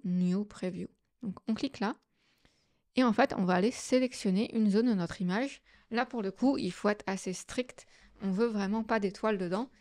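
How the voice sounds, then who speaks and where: A woman hosting a software tutorial, explaining each step casually with frequent fillers. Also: mid-range voice, no echo, clean studio sound. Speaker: astrophotography tutorial host. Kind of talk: screen-recorded software tutorial.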